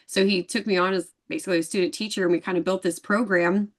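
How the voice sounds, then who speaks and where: A woman's voice: fairly low pitch, fast talker. A woman as an interview guest, telling a story in casual chat and acting out the other people's lines. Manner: animated storyteller acting out dialogue.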